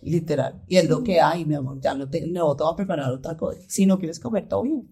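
Chatty Colombian woman with a mellow voice. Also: sits low, brisk. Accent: Colombian Paisa. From Colombia, Pereira. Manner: animated, acts out her child's voice in quotes. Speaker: guest, mother and entrepreneur. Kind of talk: casual conversational chat.

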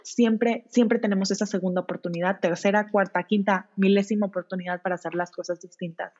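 A woman, a guest on an interview podcast, talking in an animated way and acting out parent-child dialogues. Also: medium pitch, brisk. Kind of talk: conversational interview. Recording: dull lo-fi sound.

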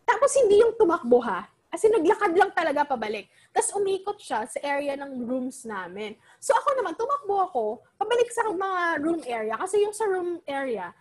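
Young woman, casual storyteller, high lively voice, Filipino-English mix. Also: fairly quick, hardly any pauses. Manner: animated, Taglish code-switching, many fillers.

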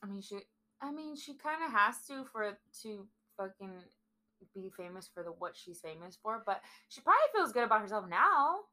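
A woman's voice: medium pitch, big pitch swings, moderate pace, pushed and bright. A young woman co-hosting a casual chat, blunt and opinionated, swearing freely. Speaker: podcast co-host.

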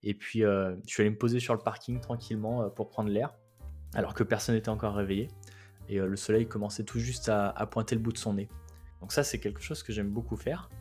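A man with a lowish voice tells a road-trip story in a loose, conversational way, often pausing on fillers. Soft music plays faintly behind him. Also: husky. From France. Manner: relaxed, chatty, many hesitations. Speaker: travel guest. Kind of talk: casual travel storytelling.

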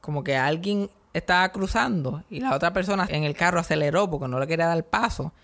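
A man with a Puerto Rican accent telling funny stories in casual podcast chat. He is animated and jokes a lot. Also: on the high side, quick pace, gravelly. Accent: Puerto Rican Spanish. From Puerto Rico. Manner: animated, joking, acts out quotes.

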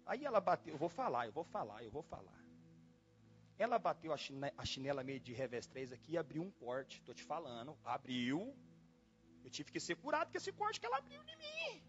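A pastor preaching in a church, telling a personal story in a dramatic way, exclaiming and repeating himself. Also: male voice, fairly high pitch. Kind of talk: storytelling sermon. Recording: dull lo-fi sound with faint music.

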